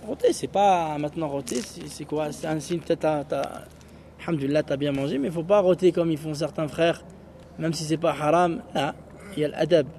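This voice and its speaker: Arabic teacher lecturing students, mellow voice. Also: male voice, on the high side, a little fast, slight background noise. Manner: explains in French mixed with Arabic phrases, asks "tu vois?" often. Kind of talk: teaching a class.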